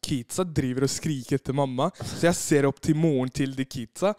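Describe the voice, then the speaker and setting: A podcast guest tells a story during casual chat in a smooth, medium-pitched voice, recorded dry with clean studio sound. He's an animated storyteller who acts out the moments he describes, including screams and quotes.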